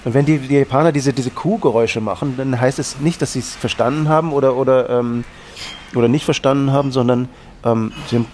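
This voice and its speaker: A man's voice: mid-range voice, fast, a little mellow, slight background noise. A man from Austria, a guest in an interview, telling rambling anecdotes with many restarts. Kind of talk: casual interview talk.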